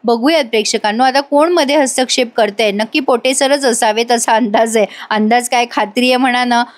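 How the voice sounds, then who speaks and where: A woman with a high, light voice narrates a TV serial episode as a voice-over. She retells each scene and reads the characters' lines in her own voice. Now and then she speaks straight to her viewers. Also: a little fast.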